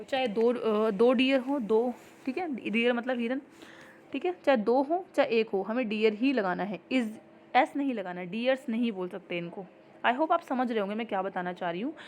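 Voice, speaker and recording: Patient woman teaching grammar, slightly high voice. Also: slight background noise. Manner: explains patiently, repeating "ठीक है" and reading example sentences slowly. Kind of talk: exam-prep grammar lesson.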